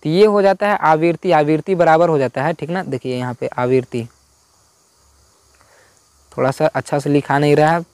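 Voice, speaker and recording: A man's voice: a little high, fairly even intonation, normal speed, pauses often, darkish tone, no room sound. A man teaching a school physics lesson in informal Hindi, repeating key points and asking himself questions before answering them. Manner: repetitive, asks and answers his own questions. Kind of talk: explaining homework answers.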